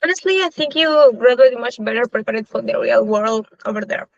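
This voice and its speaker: A young woman with a Chilean Spanish accent, speaking English as a second language, answers thoughtfully in a casual interview and often fills pauses with "eh". Her voice sits a little high, and the recording sounds dry and slightly dull, like a lo-fi setup. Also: expressive, gravelly, no room sound. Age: young adult. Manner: thoughtful, with frequent "eh" fillers. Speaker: interviewee, law student.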